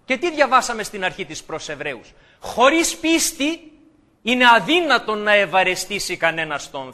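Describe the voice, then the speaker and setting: A man's voice: very high-pitched, bright, forceful tone. A man preaching a sermon, explaining scripture and asking his listeners rhetorical questions.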